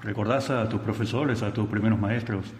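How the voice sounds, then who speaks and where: Uruguayan man interviewing, low and echoey. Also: steady tone, normal speed. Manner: brief, direct questions. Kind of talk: radio interview questions. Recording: echoey room with long reverb.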